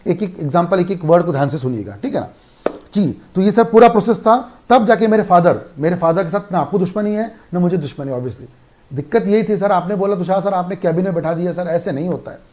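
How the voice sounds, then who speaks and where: A man's voice: high-pitched, a little mellow. An Indian man giving a law revision lecture, emphatic, asking questions and answering them himself. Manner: emphatic, asks and answers his own questions. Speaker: law teacher.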